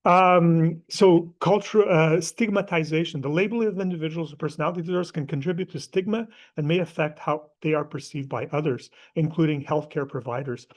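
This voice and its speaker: A man's voice: on the high side, brisk, few pauses. A middle-aged man from Portugal with a Portuguese accent gives a live class lecture in a casual, conversational way, with many fillers and asides.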